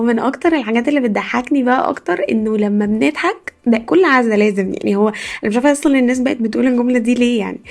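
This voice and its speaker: A young Egyptian woman with an Egyptian Arabic accent hosts a podcast, delivering a casual comic monologue. Her voice is fairly high, and she tells stories animatedly, laughing often.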